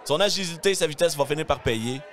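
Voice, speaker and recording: A man with a Quebec French accent calling live wrestling play-by-play as an excited commentator who often shouts and exclaims. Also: on the high side, brisk. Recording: live event with crowd noise.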